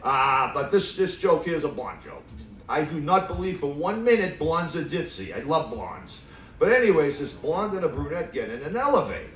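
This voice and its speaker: Stand-up comic, middle-aged man, high bouncy voice, deadpan one-liners, roomy club sound from back of the room. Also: moderate pace, distant mic. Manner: deadpan one-liners, laughs at own jokes. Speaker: stand-up comedian. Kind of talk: stand-up comedy set. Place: comedy club stage with live audience. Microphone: stand mic away from mouth.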